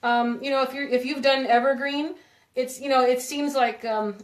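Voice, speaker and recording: A woman's voice: sits high, fairly even intonation, normal speed. A woman talks viewers through a crafting project on a live stream, rambling and chatting as she works. Her talk is casual and loose. The room around her sounds echoey. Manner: chatty, rambling, giggly, talks while working with her hands. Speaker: craft video host.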